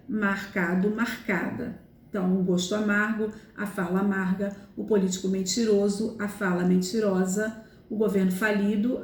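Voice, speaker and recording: A woman's voice: medium pitch, roomy sound. A teacher, a woman, explaining grammar rules step by step and checking in with her students often. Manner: explanatory, repeats examples, frequent "tá?" and "né?" checks. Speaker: Portuguese language teacher. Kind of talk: recorded grammar lesson.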